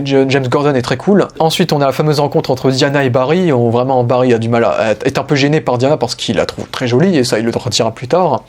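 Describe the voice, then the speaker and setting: A man hosting a casual spoiler film recap, talking enthusiastically and rambling, often restarting his phrases. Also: on the high side. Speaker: film review host.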